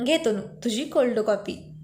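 A woman reading a teasing young boss, high and light. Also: animated, darkish tone, lightly acted. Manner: playful, coaxing lines read slowly. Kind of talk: storybook reading.

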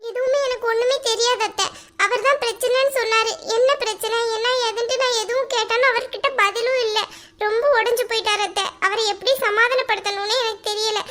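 A woman voicing a young married woman in an animated family drama, emotional and pleading. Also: very high voice, brisk.

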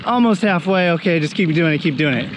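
A man's voice: a little high, expressive, fast, slight background noise. A man in his thirties talking casually to camera while cycling outdoors, wry and a little breathless. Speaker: vlogger. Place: outdoors on a forest gravel road. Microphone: action camera on the bike.

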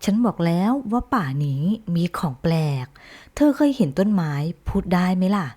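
A woman voicing a cheerful little bird in a bedtime story, with a clear voice and a reassuring, playful manner. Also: lowish voice, animated, normal speed. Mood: teasing. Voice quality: clear bright voice.

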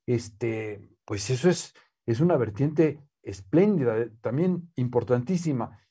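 The guest in this relaxed conversational interview is a Mexican scholar and the poet's nephew, seated in a living room with bookshelves. He has an expressive, husky mid-range voice with a warm, mellow tone, and his unhurried speech is full of hesitations, restarts, and "este".

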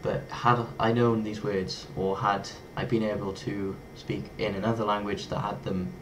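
A young Englishman talks casually to camera from a small bedroom, his webcam picking up a fairly low voice at normal speed. It's a rough recording with slight background noise. Playful and lively, with an English accent, he toys with foreign words.

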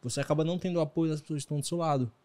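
A man's voice: on the high side, fairly even intonation, racing, darkish tone. A man with a Brazilian Portuguese accent asking questions in a casual podcast interview, chummy and joking.

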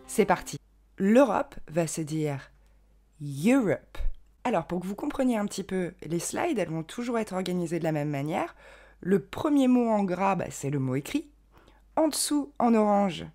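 Young female teacher, bouncy melodic delivery, spells out sounds slowly for learners. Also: mid-range voice, warm tone. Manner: clear, slow modelling of each word. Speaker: English pronunciation teacher. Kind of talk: online pronunciation lesson.

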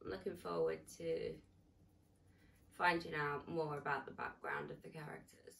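A woman's voice: deep voice, steady tone, measured pace, creaky, a bit bright, far from the mic. A woman co-hosting a TV reaction video, wry and sweary as she comments on the show. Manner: wry, swears and laughs at the screen. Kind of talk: casual TV reaction chat.

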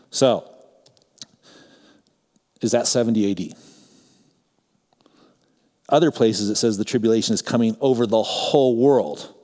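A middle-aged man pastor giving a conversational teaching sermon, moving between emphatic points and quiet asides. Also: fairly low pitch. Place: church sanctuary. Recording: long church reverb.

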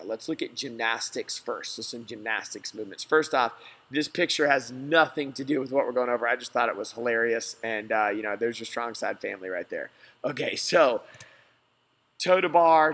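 A man coaches through a slideshow lesson, explaining things plainly and reassuringly. His voice has a husky, slightly breathy edge. His pitch sits in an ordinary middle range. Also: pushed and bright. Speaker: gym coach.

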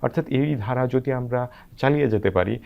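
Fast, gravelly man with a dull, lo-fi sound. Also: mid-range voice. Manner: hesitant, many filler sounds. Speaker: guest researcher. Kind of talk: discussing language research on TV.

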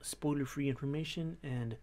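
A man in his thirties talking casually to camera in a quiet, low but clear voice, hesitantly thinking aloud as he goes. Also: normal speed. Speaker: host of a reaction and discussion video. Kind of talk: casual unscripted commentary to camera. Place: small bedroom in an apartment.

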